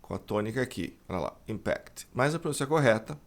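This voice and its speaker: A man's voice: medium pitch, lively intonation, creaky. Brazilian male English teacher, mid-range voice, patient explainer for an online lesson who keeps checking that the viewer follows. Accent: Brazilian Portuguese. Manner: explanatory, often checks understanding with a quick "right?".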